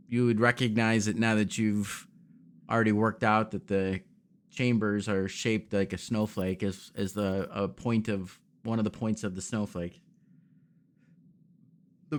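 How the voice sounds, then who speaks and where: A man narrating a tabletop game as game master, halting and often correcting himself as he describes things. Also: on the low side. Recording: faint background noise.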